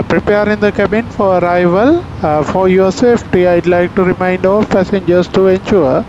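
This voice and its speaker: A man speaking as an airline captain, giving a formal, halting flight-crew announcement to passengers. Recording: dull muffled audio, loud aircraft cabin rumble.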